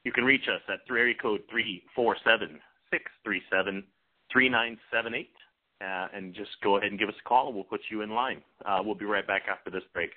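A man hosting an informal sports talk show in a halting, repetitive, unscripted way. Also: lowish voice, fairly even intonation. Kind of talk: unscripted internet radio talk. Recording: muffled narrow-band phone-like internet radio.

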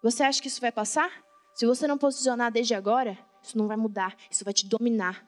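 A woman's voice: fairly high pitch, fairly even intonation, fast. A Brazilian woman preaching with fervent, colloquial energy, constantly questioning her congregation. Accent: Brazilian Portuguese. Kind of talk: sermon. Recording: reverberant hall, faint background music. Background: faint music.

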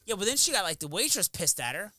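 A man's voice: sits high, big pitch swings, fast, bright, forceful tone. A man telling loose, swearing stories in a casual podcast chat. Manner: laid-back storyteller, swears freely. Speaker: podcast co-host.

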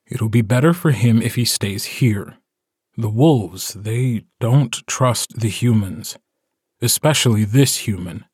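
A male audiobook narrator playing a tired, stubborn grown man who leads a werewolf pack. He speaks in a grave, measured way. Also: on the low side, a little mellow, breathy edge, no echo, studio quality.

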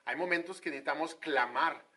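A male preacher gives a chatty, conversational sermon. His voice sits a little high and sounds bright and forceful, and he often hesitates mid-thought before pressing on. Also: brisk. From Monterrey, Mexico.

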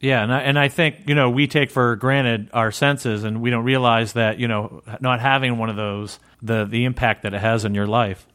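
A man's voice: medium pitch, fairly even intonation, moderate pace, hardly any pauses, fairly bright tone, clear, resonant tone. Friendly laughing male podcast host. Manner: friendly, laughs often, filler-heavy. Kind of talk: interview.

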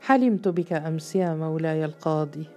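A bold, earnest young woman pleading her case before a judge, as a woman narrator voices her. The voice sits low and mellow, with faint music underneath. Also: brisk, lightly acted.

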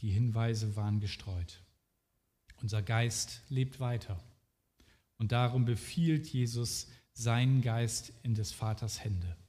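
Male preacher, slow and earnest sermon, talks right to you, long echoey reverb. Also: medium pitch, mellow. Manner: slow, earnest, direct address to listener.

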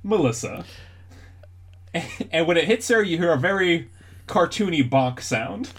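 A young man co-hosting a podcast, chatting in a relaxed way as he recaps a TV episode, chuckling and jumping into squeaky character voices. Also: moderate pace. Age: young adult. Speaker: podcast co-host. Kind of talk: casual chat recapping a TV episode.

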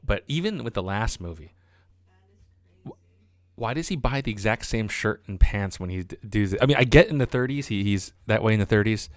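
A man's voice: on the low side, animated, brisk, no echo, studio quality. A man in casual podcast chat, hesitant, stammering over repeated words and fillers. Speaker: podcast co-host.

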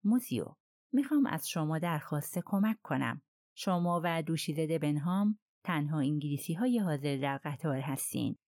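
A persistent foreign detective who questions with polite, coaxing persistence, as a woman narrating a mystery voices him. The voice sits low-ish, and the recording is dry and close. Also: lively intonation, darkish tone, no echo. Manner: probing, politely persuasive.

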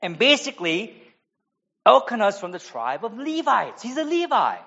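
A high-pitched man delivers an expository sermon in an American accent, moving from careful explanation into relaxed, chatty asides. The recording is muffled and lo-fi. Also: moderate pace, gravelly. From United States. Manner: expository preaching, conversational asides. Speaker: pastor.

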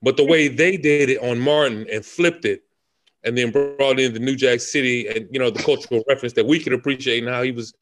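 A man's voice: mid-range voice, a little fast. A man co-hosting a podcast, speaking casually with frequent hesitations and filler sounds. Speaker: podcast co-host. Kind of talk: casual chat.

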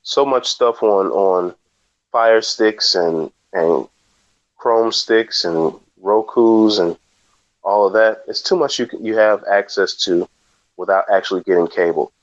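Podcast co-host, male, low voice, deadpan joker, muffled lo-fi sound. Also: a little slow. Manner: joking, deadpan asides. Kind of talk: casual chat.

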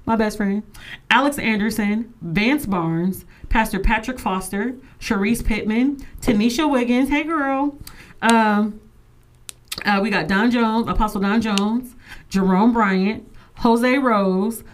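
An energetic woman hosts a casual talk show from her studio. She talks with emphasis and drive, and she sounds a little forceful even when she is thanking people. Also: mid-range voice. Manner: emphatic and animated, says she sounds aggressive. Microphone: studio microphone.

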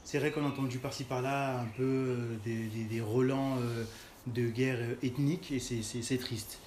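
A man's voice: mid-range voice, fairly even intonation, normal speed, darkish tone, a little hiss or hum. A man hosting a casual interview, asking questions and murmuring agreement with many fillers. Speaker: podcast host. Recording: echoey room with faint music.

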